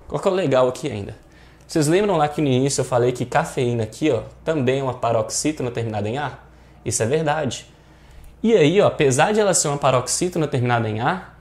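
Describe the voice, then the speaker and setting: Male Brazilian teacher with a mid pitch, walking students through grammar questions in a didactic, question-and-answer way. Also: a little mellow. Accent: Brazilian Portuguese. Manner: didactic, checks in with frequent rhetorical questions. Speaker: online exam-prep teacher. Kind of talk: explaining grammar exercises.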